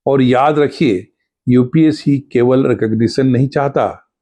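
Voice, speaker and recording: Male teacher for a scripted exam-prep lesson. Slow and measured, soft warm tone, lists points one at a time. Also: medium pitch.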